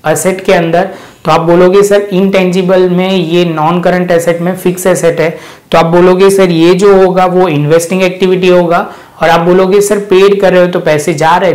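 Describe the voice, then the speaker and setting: A man's voice: sits high, flat delivery, darkish tone, poor audio. A male commerce teacher with a Gujarati-influenced Hindi accent, lecturing students point by point and calling them "child". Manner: addresses students as "child", quick point-by-point explanation. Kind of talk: classroom lecture.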